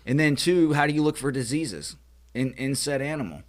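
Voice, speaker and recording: A man's voice: medium pitch, normal speed. An American man holds forth in a casual group chat. He talks emphatically and often restarts his sentences as he makes his point. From United States. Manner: emphatic, lecturing, with many restarts. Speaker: podcast co-host.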